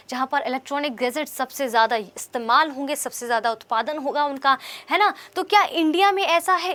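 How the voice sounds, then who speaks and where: A woman's voice: high voice, fairly bright tone. A young woman teaching exam answers in a chatty way, asking questions and answering them herself. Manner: conversational, asks questions and answers them, says "bhai" often. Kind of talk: explaining quiz answers.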